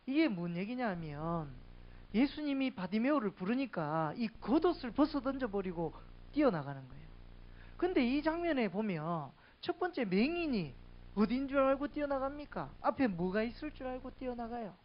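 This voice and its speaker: A woman's voice: fairly high pitch, sing-song, normal speed, muffled recording. A woman preaching a sermon in a conversational way, asking the congregation questions.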